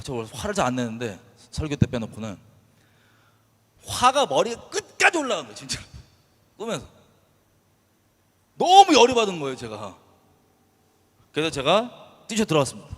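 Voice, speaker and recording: Impassioned high-voiced male preacher in a hall. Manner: impassioned, shifting between soft low asides and loud bursts. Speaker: pastor. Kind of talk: sermon.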